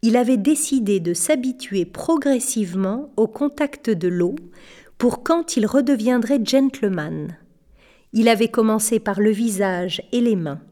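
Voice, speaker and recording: A woman narrating a storybook aloud in a slow, measured way, lightly voicing the characters. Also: fairly high pitch, lively intonation, warm tone. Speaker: audiobook narrator. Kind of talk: scripted narration.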